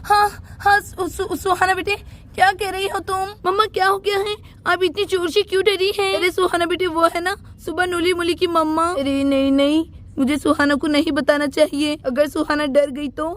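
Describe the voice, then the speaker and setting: A woman's voice: very high voice, flat delivery, moderate pace, a bit bright. A woman voicing an anxious mother who hesitates and talks to her daughter. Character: worried young village mother.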